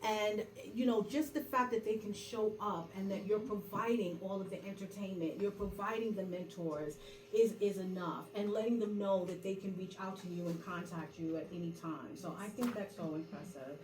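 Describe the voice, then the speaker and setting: A woman interviewing a guest, warmly affirming and asking questions. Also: medium pitch, moderate pace. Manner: affirming, supportive. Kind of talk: interview conversation. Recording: roomy, distant mic.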